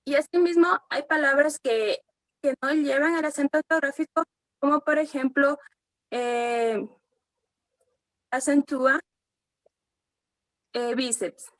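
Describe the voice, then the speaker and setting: A woman's voice: sits high, slow pace, pauses often, no room sound, rough recording. A young woman, a student, presenting to her class hesitantly, with many fillers and repeated words.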